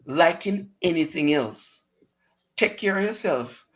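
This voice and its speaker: Slow and expressive, with a voice on the high side and a somewhat bright tone, this radio host chats casually in a Jamaican accent. He mixes in patois and laughs often.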